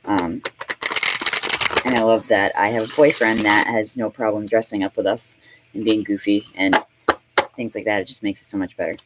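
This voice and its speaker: A woman's voice: very deep voice, steady tone, normal speed, long pauses, very noisy. Chatty, swearing woman tarot reader. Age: 30s. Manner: chatty and profane, laughing often, full of fillers. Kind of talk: casual tarot reading.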